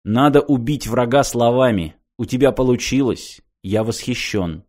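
A man reading the lines of a tall, grey-skinned alien who speaks slowly and solemnly. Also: medium pitch, a little mellow, natural voice.

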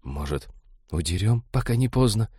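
Male reader putting on a squeaky, timid little mechanic girl, high and breathy-thin, audiobook role. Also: unhurried, a little mellow, no room sound, clean studio sound. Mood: frightened. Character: timid small young woman mechanic.

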